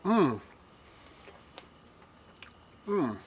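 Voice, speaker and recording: An older man, taste-testing a hot barbecue sauce on his cooking vlog, teary and sniffling from the heat, with slow, drawn-out hums and sighs. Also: fairly high pitch, very animated, husky, muffled recording. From Texas. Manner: slow, drawn-out reactions to spicy food with many hums and sighs. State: teary, nose running from the heat. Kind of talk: casual taste-test reaction.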